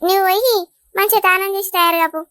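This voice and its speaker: A woman voicing an emotional older village mother in a cartoon, pleading dramatically in a high-pitched voice. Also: steady tone, fast talker, fairly bright tone, no echo, clean studio sound. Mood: coaxing. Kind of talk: Telugu cartoon dubbing.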